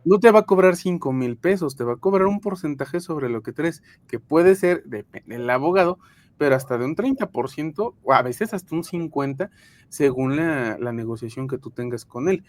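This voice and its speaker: A woman's voice: sits low, lively intonation, normal speed, a little mellow. A Mexican woman co-hosting a podcast, explaining human resources in a frank casual chat with many fillers and restarts, connecting remotely from home. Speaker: podcast co-host, HR professional.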